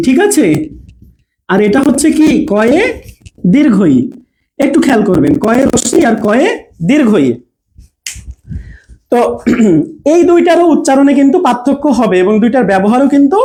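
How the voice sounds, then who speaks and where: A male teacher runs a spelling and pronunciation class with a mellow, dark tone. He checks in with the class again and again and answers his own questions. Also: extremely high pitch. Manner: explains patiently, asks the class questions and answers them. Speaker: Bangla teacher. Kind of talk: online class lesson reading viewer comments.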